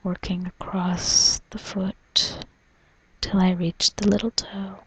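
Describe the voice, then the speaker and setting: A woman doing a whispered role-play as a spa massage therapist, in a soft, soothing, breathy whisper, narrating gently. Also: mid-range voice, little pitch movement, slow pace, no room sound, poor audio. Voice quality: breathy, mostly unvoiced whisper. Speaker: reflexologist giving a foot massage.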